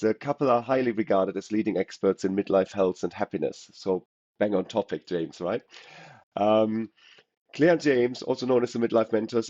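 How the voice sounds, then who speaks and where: A man hosts a podcast in a low, hoarse voice thickened by a cold. He speaks conversationally but haltingly, tripping over words. The recording is dull and lo-fi. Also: mellow. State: has a cold. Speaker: podcast host. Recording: muffled, roomy lo-fi sound.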